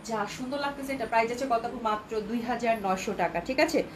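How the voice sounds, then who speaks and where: A woman with a Bangladeshi Bengali accent hosting a live clothing sale, chatting with viewers and repeating prices, with a cold that keeps her speaking softly. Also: a little high, fast, slight background noise. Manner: chatty, repeats prices, mixes in English words. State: has a cold, talking softly to avoid coughing. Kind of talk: live sales chat with viewers.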